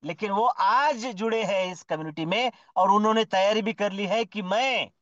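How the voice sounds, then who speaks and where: A fairly high-voiced man gives a motivational address, formal and effusive, heaping praise and asking rhetorical questions. The sound is dull and lo-fi, and it is dry, with no room echo. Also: normal speed, a bit bright. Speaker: speaker at an online business community meeting.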